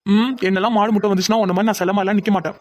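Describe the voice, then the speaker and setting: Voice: medium pitch, fairly even intonation, racing, slight background noise, lightly acted. A voice actor playing a bossy, protective young man in a cartoon who gives orders. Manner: bossy, commanding.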